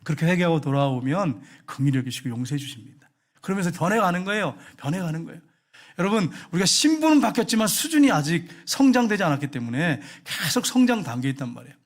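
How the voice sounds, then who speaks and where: Fast-talking Korean pastor preaching. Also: male voice, on the high side. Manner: animated storytelling, acts out quoted voices. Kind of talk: sermon. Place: church sanctuary.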